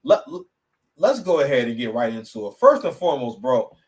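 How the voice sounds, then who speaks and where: A man hosting a podcast, reacting to clips in a rambling, mocking, animated way. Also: mid-range voice, brisk, far from the mic, poor audio. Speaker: podcast host. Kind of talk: casual reaction commentary.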